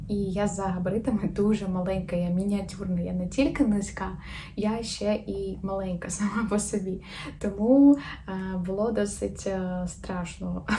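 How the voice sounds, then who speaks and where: A young woman from Ukraine tells her story in a casual, open vlog. Her voice is mellow and warm rather than bright. A faint hiss sits under the recording. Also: medium pitch. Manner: chatty and open, quick soft laughs. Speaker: vlogger, new mother.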